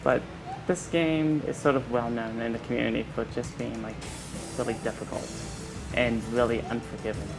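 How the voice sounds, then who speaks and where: A man who speedruns a game, explaining it in a relaxed way with fillers. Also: mid-range voice, normal speed, gravelly, music in the background, low-quality recording. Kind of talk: casual game commentary.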